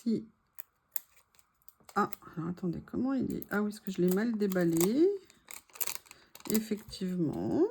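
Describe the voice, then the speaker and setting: A woman chatting casually to her viewers while unboxing craft supplies, gushing softly and adding small asides. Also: medium pitch, lively intonation, measured pace, pauses often, a little hiss or hum. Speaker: craft vlogger.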